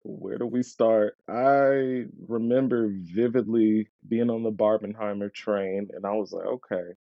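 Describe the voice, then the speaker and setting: A man's voice: fairly low pitch, fairly even intonation, measured pace, no echo, highs cut off. A man appearing as a podcast guest, sighing and unimpressed, filling his talk with "like". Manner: sighing, unimpressed, says "like" a lot. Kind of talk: casual podcast chat.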